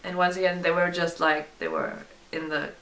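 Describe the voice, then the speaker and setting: A woman's voice: lowish voice, little pitch movement, a bit bright. A young woman, agreeing and gushing as a vlog co-host about a concert. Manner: agreeable, gushing, many quick yeses. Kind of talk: casual chat reviewing a concert. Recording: roomy, distant mic, faint noise.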